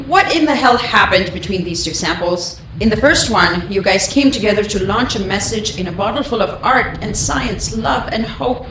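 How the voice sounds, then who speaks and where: A man's voice: high-pitched, close to an everyday voice. A man voicing a disappointed alien lizard emissary who makes formal proclamations that slip into casual slang, heard as a distant broadcast. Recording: echoey, distant broadcast with loud background noise.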